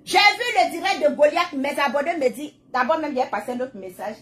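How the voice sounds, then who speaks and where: A woman's voice: high voice, expressive, quick pace, a bit bright. A woman talking to her followers in a live video, emphatic and repetitive, drifting into prayerful preaching. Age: adult, mother of children. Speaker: social media livestreamer. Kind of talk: casual live video monologue.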